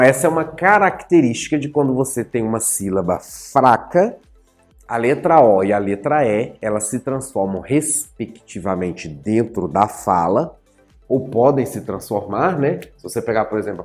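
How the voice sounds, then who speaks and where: A male teacher giving an animated writing and grammar lesson at a whiteboard, playfully addressing his students and stretching out key words as he explains. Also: mid-range voice. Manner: animated, playfully addresses viewers as "senhores, senhoras e senhoritos". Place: in front of a whiteboard.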